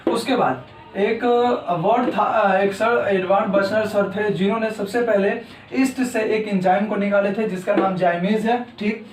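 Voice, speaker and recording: A man lectures from some distance away in a room that echoes around his voice. His voice sits high for a man. He talks straight to his students and repeats each key term as he writes it on the board. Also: fairly even intonation, normal speed, a little hiss or hum. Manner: talks to students directly, repeats key terms while writing. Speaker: teacher. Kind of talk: exam-prep lecture.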